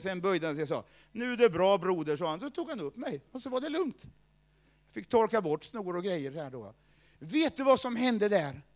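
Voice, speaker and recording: Preacher guy, high voice, tells stories, gets loud then drops low. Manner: storytelling, swings between loud outbursts and low asides. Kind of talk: sermon with personal testimony.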